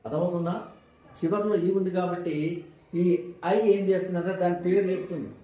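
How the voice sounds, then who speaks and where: A man teaching a phonics lesson with a mellow, dark voice. He drills by asking questions and answering them himself, repeating each word again and again. His voice rings out in a very echoey room. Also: high voice, steady tone, brisk. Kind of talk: classroom-style phonics lesson.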